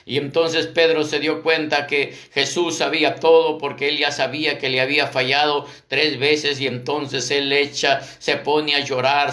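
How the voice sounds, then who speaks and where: A man from Peru delivers a fervent sermon, pressing his point home to the congregation. His voice is bright and sits a little high. The sound carries in an echoey room. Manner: fervent, retelling scripture with quoted voices. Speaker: apostle preaching.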